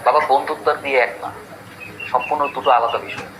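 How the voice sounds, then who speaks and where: A man's voice: mid-range voice, fairly even intonation, quick pace, noisy background, close to an everyday voice. An actor playing a breezy young man, a son and boyfriend, over background music. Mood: defensive. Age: young adult. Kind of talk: comic drama acting.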